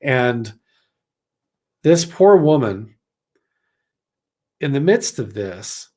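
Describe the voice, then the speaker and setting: A man's voice: medium pitch, big pitch swings, extremely slow, darkish tone. Rambling man from Idaho telling a story. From Idaho, USA. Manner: rambling, many "like" fillers, acts out quotes. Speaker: vlogger recounting a personal experience. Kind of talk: casual storytelling.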